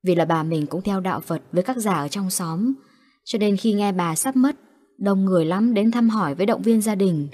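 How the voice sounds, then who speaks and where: Calm woman narrating ghost stories. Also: mid-range voice, moderate pace, dry recording. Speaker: storyteller. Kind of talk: horror story narration.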